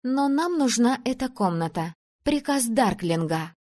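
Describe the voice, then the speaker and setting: Woman doing a sassy bossy young gal in a storybook, teasing and sharp-tongued. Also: medium pitch, moderate pace, natural voice. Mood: commanding. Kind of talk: audiobook character voice.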